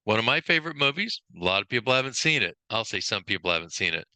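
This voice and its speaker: A male workplace trainer runs an informal lesson, rattling off lists of traits and briefly correcting himself now and then. His lowish voice is sing-song, fast, bright, and forceful, with no room sound.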